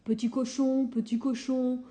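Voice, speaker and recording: A woman doing a gentle, sorrowful big wolf. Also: sits high, little pitch movement, unhurried, voice pushed up. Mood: kind, sad.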